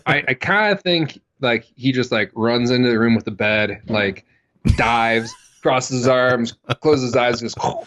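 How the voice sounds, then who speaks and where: A man's voice: mid-range voice, measured pace, fairly bright tone. A man co-hosting a podcast in casual chat, joking and filling his talk with "like". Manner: joking, lots of "like", mock quotes. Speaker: podcast co-host.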